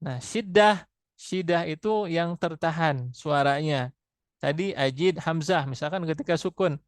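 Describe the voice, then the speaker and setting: A man teaching Quran recitation rules, slowly repeating and sounding out Arabic letters for his students. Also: fairly high pitch, dry recording. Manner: slow, repetitive, demonstrates letter sounds aloud. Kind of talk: classroom tajwid lesson.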